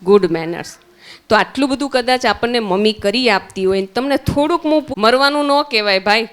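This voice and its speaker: A woman's voice: sits high, a bit bright, clean tone. A woman with a Gujarati accent, teaching young children at a summer camp, asking them questions and answering them herself. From Gujarat, India.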